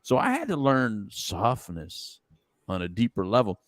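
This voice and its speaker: A middle-aged man hosting a podcast in casual chat, animated and rambling, laughing often as he talks. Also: mid-range voice, a little slow, no echo, clean studio sound. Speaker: podcast host.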